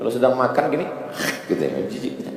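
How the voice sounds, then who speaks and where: A male preacher giving a storytelling sermon in an animated way, with big swings in pitch. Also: quick pace, gravelly. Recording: echoey hall with long reverb.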